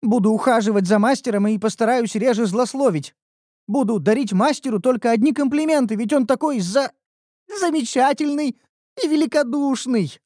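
A narrator voicing an excitable young female red elf, a smith's apprentice, who complains loudly and dramatically in an audiobook. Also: normal speed, no room sound, clean studio sound, close to an everyday voice. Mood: whiny. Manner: whiny and dramatic, loud high outbursts. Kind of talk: audiobook character voice.

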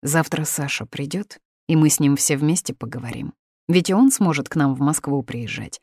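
A woman reading the part of a middle-aged father, measured and firm, in a dry, close recording. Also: deep voice, a little mellow, dry recording.

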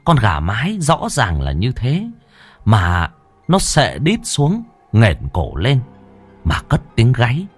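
A man narrating a village horror story in a dramatic, expressive storytelling manner. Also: mid-range voice, takes it slowly, husky, soft background music.

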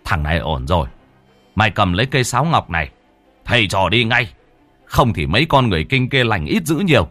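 A man doing a gruff old village shaman. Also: fairly low pitch, very animated, fairly quick, no echo, faint music behind. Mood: urgent. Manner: shouting, scolding.

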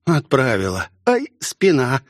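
A catty young woman, her voice pitched high and dripping with fake sweetness, as a male narrator puts her on. She taunts in a dry, close-miked audiobook recording. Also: measured pace, dry recording, close to an everyday voice. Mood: whiny, flustered. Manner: sneering, mock-sweet. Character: scheming young woman pilot, mocking, spiteful.

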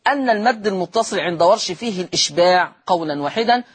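A man's voice: high voice, animated, fast talker, breathy edge. A man with an Egyptian accent teaches Quran recitation rules on TV, repeating and stretching each example word and answering his own questions. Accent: Egyptian Arabic. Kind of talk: televised Quran recitation lesson.

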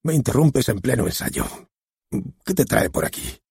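A man voicing a loud, rude, eccentric theater director who barks and insults, with a nasal voice. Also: mid-range voice, huge pitch swings, normal speed, creaky, breathy edge, no echo, studio quality, voice pushed up, heavily acted. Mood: brusque.

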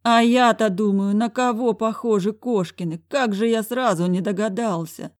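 A panicky older school director wails and pleads theatrically, as a woman reads him in a pitched-up, louder voice. The dry, close audiobook recording keeps every whimper up front. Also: normal speed, dry recording, natural voice. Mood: melodramatic despair. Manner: theatrical, whining, exclamatory.

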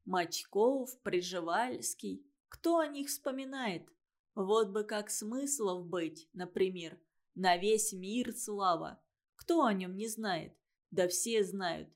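A woman's voice: mid-range voice, slow. A condescending know-it-all schoolboy, as a woman reads him. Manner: condescending, lecturing.

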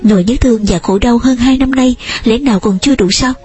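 A woman's voice: on the high side, brisk, a little mellow, slightly rough, faint music behind. A woman voicing a desperate young lover. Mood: pleading. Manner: urgent, insistent pleading. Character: passionate young man pleading with his lost love.

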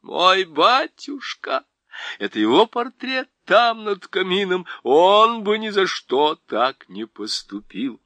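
A man's voice: very animated, slow pace, bright, forceful tone, no echo, heavily acted. A man voicing a weepy, guilt-ridden male faun in a storybook reading, sobbing and pleading. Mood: guilty lament. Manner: sobbing, pleading, high-strung.

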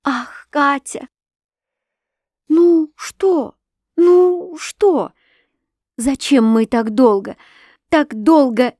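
A woman voicing a shy, timid orphan girl who speaks softly in a breathy half-whisper. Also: on the high side, very slow, dry recording, studio quality, full character voice. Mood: tearful. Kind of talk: audiobook reading.

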